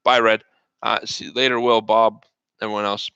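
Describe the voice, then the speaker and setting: A man's voice: fairly low pitch, little pitch movement, moderate pace, vocal fry, bright, forceful tone, clear, resonant tone, no room sound, highs cut off. A man hosting a live trading show, giving casual market commentary with jokes and greeting viewers by name. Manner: joking, chatty, talks to viewers by name. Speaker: stock trading show host.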